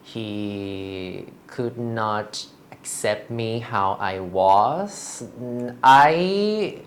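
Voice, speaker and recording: Slow, halting woman from Thailand. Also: very deep voice, animated, slight background noise. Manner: hesitant, halting, frequent restarts. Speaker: interview guest. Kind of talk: candid personal interview.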